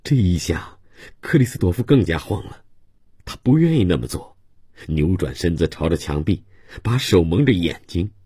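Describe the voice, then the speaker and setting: A man reading a novel aloud in a calm, measured way. His voice sits very low and has a husky grain. The recording is dry and close, with no room sound. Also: no echo. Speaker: audiobook narrator. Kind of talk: literary novel narration.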